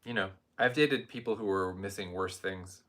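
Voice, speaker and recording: A man's voice: deep voice, moderate pace, a bit bright. A man co-hosting a casual perfume review, rambling with wry jokes and asides. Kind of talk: casual chat.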